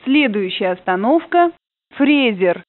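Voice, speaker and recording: A woman announcing train stops over the train intercom in a formal, measured manner. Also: on the high side, expressive, dry recording. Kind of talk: recorded stop announcements. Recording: tinny, narrow intercom loudspeaker sound.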